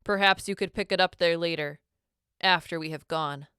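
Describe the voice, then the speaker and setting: A calm, formal male leader from a storybook, measured and apologetic in tone, as a woman reading aloud puts him on. The voice sits low and smooth, recorded close and dry. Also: no room sound.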